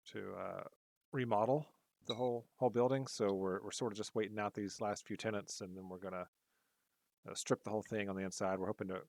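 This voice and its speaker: A man's voice: fairly low pitch, gravelly, no echo. A man voicing a tired woman office worker who rambles with many fillers.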